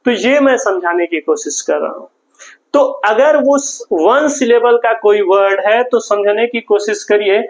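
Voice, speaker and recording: A man's voice: high voice, a little slow, poor audio. A man teaching a grammar lesson in an online class, explaining patiently and repeating words and phrases. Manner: patient, repetitive explaining, often says "friend".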